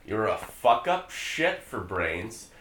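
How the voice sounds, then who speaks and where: A man's voice: lowish voice, big pitch swings, slow, reverberant, slight background noise, heavily acted. A man playing a desperate, cruel father. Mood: raging. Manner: pleading, then turns cruel and shouting. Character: desperate, bitter middle-aged father. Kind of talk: comedy script table read.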